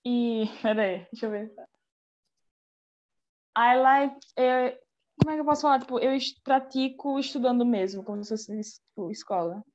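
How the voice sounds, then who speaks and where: A woman's voice: on the high side, normal speed, a little mellow, lo-fi sound. A woman with a Brazilian Portuguese accent, a student answering in class and hesitating as she searches for words.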